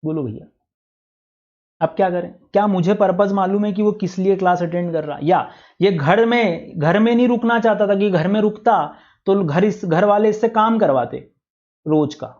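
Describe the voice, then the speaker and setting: A male teacher giving a classroom lecture, who keeps asking the class for quick answers. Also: sits high, a little mellow. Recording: dull lo-fi classroom recording.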